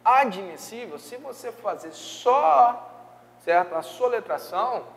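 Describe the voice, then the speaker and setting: A Brazilian man teaching an exam-prep review class, lively and checking in often with his students. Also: very high voice, slow, gravelly, long reverb tail. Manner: lively, peppers speech with tag questions.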